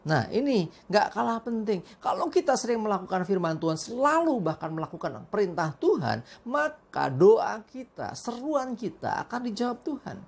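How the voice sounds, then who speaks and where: A woman leading a morning devotion, praying and reading scripture slowly, then explaining it in an earnest, emphatic way. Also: medium pitch, very animated, gravelly, slightly rough. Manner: earnest, slow deliberate reading, brisker emphatic asides.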